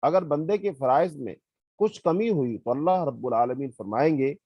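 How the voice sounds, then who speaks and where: A man with a Pakistani Urdu accent, teaching a religious lesson in a measured, explanatory way and reciting Arabic verses. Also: on the high side, animated, slightly rough, dry recording, muffled recording. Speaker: hadith teacher. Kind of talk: religious lecture.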